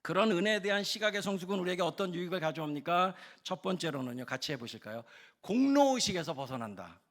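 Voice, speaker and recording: A man's voice: sits high, very animated, fast talker, fairly bright tone. A man preaching a sermon as pastor at a Wednesday prayer service, speaking emphatically to the congregation. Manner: emphatic, addresses congregation directly.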